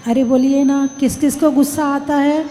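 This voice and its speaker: A woman's voice: high-pitched, flat delivery, moderate pace, warm tone. A woman Jain nun delivering a sermon, repeatedly questioning the audience and urging them to answer, sometimes acting out everyday household speech. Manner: acts out quoted household speech. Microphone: microphone with added echo. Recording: reverberant hall, faint background noise.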